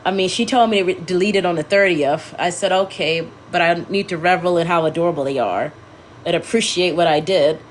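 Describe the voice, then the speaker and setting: A woman with a lowish, brisk delivery and a congested, gravelly throat hosts a casual livestream. She rambles and keeps correcting herself while talking to the people tuning in.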